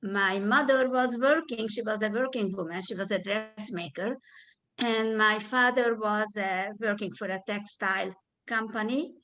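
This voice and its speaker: An older woman from Hungary giving her testimony as a survivor, speaking hesitantly with fillers and throat clearing over a video call. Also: medium pitch, measured pace, a bit bright, rough recording. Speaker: Holocaust survivor guest. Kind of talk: spoken testimony in conversation.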